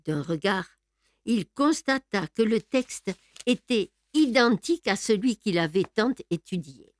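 A woman narrating a novel as an audiobook, in an even, measured reading. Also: mid-range voice, dry recording, studio quality.

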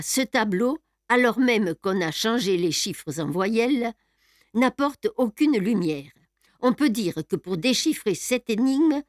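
A woman voicing an excitable young male investigator in an audiobook, asking urgent, agitated questions. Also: a little high, no room sound, clean studio sound. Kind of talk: audiobook character reading.

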